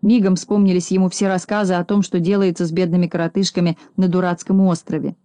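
A woman reading a children's storybook aloud in a calm, measured narration. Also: on the low side, no echo. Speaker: audiobook narrator.

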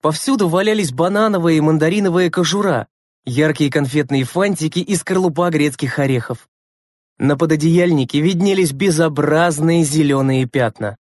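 A woman narrating a children's story in an expressive, measured way. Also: sits low, no echo, clean studio sound. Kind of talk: storybook reading.

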